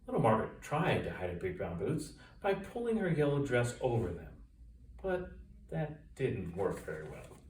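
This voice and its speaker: An author reads his own children's story in a mid-range voice at normal speed, delivering it with great liveliness, dramatic emphasis, and sound-effect words. Captured from afar, the audio has room echo and a faint hiss.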